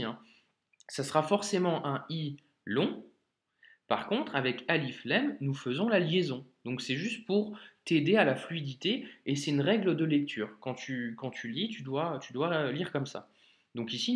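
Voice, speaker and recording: A man teaching Arabic reading in a video lesson, patient and repetitive, often checking the viewer follows. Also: a little high. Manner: patient, repeats words slowly, frequent check-ins.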